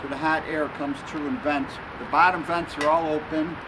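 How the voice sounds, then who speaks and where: A man explaining each step as he cooks on an outdoor grill, in a relaxed, casual way. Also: a little high, moderate pace. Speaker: home cook. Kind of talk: casual cooking demonstration. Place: outdoor grill in a city at dusk. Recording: outdoor street noise.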